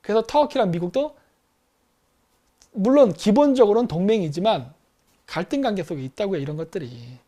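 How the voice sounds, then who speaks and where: A man's voice: sits high, expressive, fairly quick, pauses often, warm tone. A middle-aged man hosting a commentary show, lecturing animatedly and acting out quoted exchanges between countries. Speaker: host.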